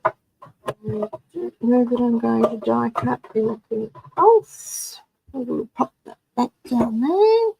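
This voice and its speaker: A woman's voice: on the high side, slow pace, creaky, a little mellow, slight background noise, low-quality recording. A woman running a live card-making tutorial, chatting through each step for her viewers. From Australia.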